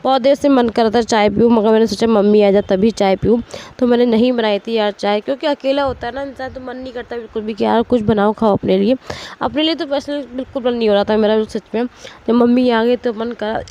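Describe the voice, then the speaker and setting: A woman in her thirties with a hoarse, strained voice from a cold, chatting casually as she narrates her household day. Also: fairly high pitch, steady tone, brisk, dark tone, lo-fi sound. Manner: chatty, rambling, straining her throat to speak. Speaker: vlogger, homemaker. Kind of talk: casual voice-over narrating daily routine.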